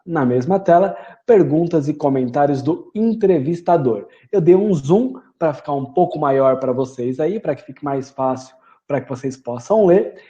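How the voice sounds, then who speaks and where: A man in his thirties with a Brazilian Portuguese accent, teaching an online lesson and repeating phrases slowly with many fillers. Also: a little high, dark tone, highs cut off. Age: 30s. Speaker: English teacher. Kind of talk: online lesson with screen share.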